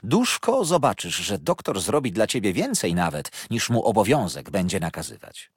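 A man voicing a fussy, chattering old mother-in-law who gushes loudly and turns indignant. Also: wildly swooping pitch, moderate pace, breathy edge, dry recording, studio quality, heavily acted. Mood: gushing. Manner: shrill, gushing and loud.

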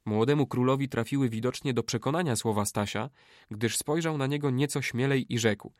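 Male audiobook narrator, steady measured storytelling, mid pitch, dry close recording. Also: dry recording. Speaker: audiobook reader. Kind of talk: scripted narration.

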